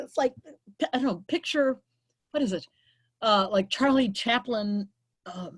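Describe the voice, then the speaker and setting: Husky woman leading a reading class. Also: medium pitch. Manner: chatty, quick apologies, many fillers. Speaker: literature teacher leading a reading group. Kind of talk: casual class discussion.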